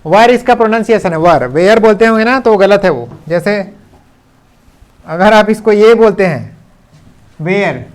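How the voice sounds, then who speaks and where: Male grammar teacher, fairly high voice, patient and repetitive, switches between speech and English examples. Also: expressive. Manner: explains patiently, repeats example sentences slowly; mixes English sentences into his speech. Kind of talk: classroom-style video lesson.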